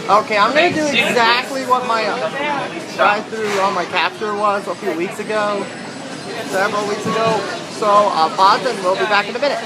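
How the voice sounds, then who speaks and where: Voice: medium pitch, fairly even intonation, normal speed. A vlogger giving casual, off-the-cuff commentary while filming a train ride. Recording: very noisy crowded outdoor train ride. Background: loud crowd, train and outdoor noise.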